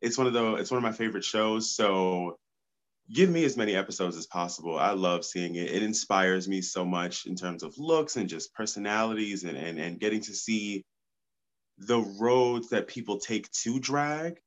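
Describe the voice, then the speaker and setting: A congested-sounding man, appearing as a guest on a podcast, talks enthusiastically and outspokenly in a casual chat. His voice is fairly low and his pace moderate.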